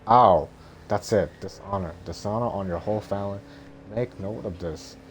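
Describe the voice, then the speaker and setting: Boastful little male dragon guardian read by a man, lowish voice, bossy and blustering, cartoon sidekick, noisy recording. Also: moderate pace, a little mellow, close to an everyday voice. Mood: indignant. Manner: blustering, stumbling script reading. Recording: noticeable background noise.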